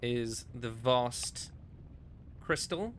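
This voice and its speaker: Guy running a d&d game, lots of ums, swears casually, faint rumble. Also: expressive, drawn-out words. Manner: chatty, filler-heavy, swears casually. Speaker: game master. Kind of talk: narrating a tabletop game.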